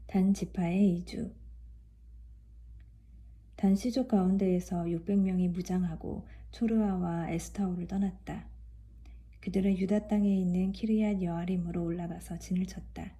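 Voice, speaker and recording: A woman reading scripture aloud in a calm, even way. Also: fairly low pitch, normal speed. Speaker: scripture reader.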